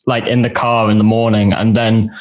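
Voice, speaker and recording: A man's voice: fairly low pitch, flat delivery, moderate pace. A male show host asking an interview guest questions in a chatty, curious, casual way.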